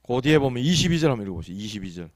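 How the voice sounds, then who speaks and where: A man's voice: medium pitch, very animated, rapid-fire, a little mellow, dry recording, clean studio sound. A male pastor gives a conversational afternoon sermon, often asking his congregation rhetorical questions. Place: small church sanctuary.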